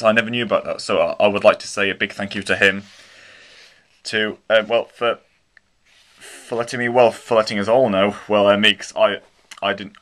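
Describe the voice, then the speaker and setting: A man with a British accent and a low, sharp-toned voice eagerly chats while unboxing a model locomotive at home on a carpeted floor. His throat is slightly croaky, and he rambles casually, restarting often.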